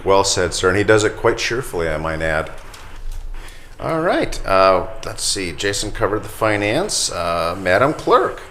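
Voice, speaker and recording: A man chairs a county board meeting, moving briskly through agenda items with an easy humor. His pitch sits on the low side but moves a lot. A faint hiss of room noise sits behind him. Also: very animated, a bit bright. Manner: brisk, procedural, lightly jokey. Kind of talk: formal meeting procedure.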